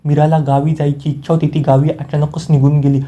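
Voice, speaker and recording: A man's voice: a little high, flat delivery, fairly quick, mellow, lightly acted. A man voicing a teasing, pushy younger sister within a spoken serial recap. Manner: chiding, needling.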